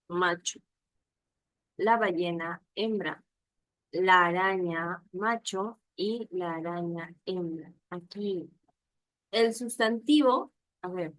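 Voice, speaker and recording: A woman's voice: fairly low pitch, fairly bright tone, dry recording, poor audio. A woman teaching an online class, patiently repeating examples and checking whether her students follow.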